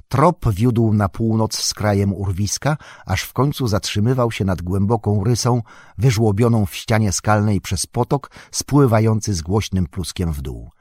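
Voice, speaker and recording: Low husky male audiobook narrator. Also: darkish tone, no room sound, studio quality. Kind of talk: scripted narration of a fantasy novel.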